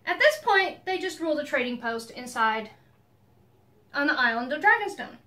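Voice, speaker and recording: A woman with a notably high voice walks through a story's history in an easy, playful way. Her tone is bright and clear, and she laughs often as she goes. She sounds like a relaxed co-host in casual conversation. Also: normal speed. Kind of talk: casual chat.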